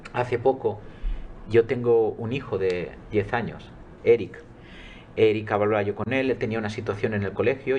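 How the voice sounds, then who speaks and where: A middle-aged man speaks as a coach in an interview, earnest and emphatic in how he makes his points. His voice sits low, and a faint noise runs under the recording. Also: a little mellow, dull audio. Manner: earnest, emphatic, quotes his own dialogues. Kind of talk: reflective interview answers.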